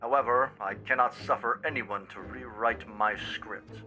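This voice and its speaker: A scheming male president speaks through a voice changer, as a man puts him on, formal and coolly commanding. The processed voice sounds sharp and very bright, with a middling pitch. Soft game music plays underneath. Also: moderate pace, low-quality recording. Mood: cold, formal. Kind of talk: streamer voicing game dialogue.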